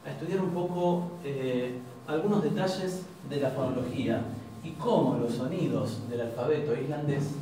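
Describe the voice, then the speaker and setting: A man with an Argentine Spanish accent teaching an informal language class, explaining patiently and repeating example words slowly. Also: mid-range voice, crowd noise. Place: university classroom. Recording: very echoey classroom, far from mic, faint noise.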